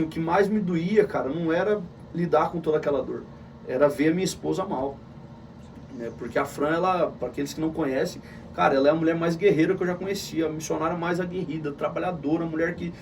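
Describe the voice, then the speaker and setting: A middle-aged man with a Gaúcho Brazilian accent recounts a painful family story at a quick clip, his voice sitting high. He is heard from a few steps off the microphone, with faint noise in the background. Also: gravelly, distant mic. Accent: Gaúcho Brazilian Portuguese. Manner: animated, calls the listener "cara" often. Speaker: interview guest, missionary. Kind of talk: emotional personal storytelling.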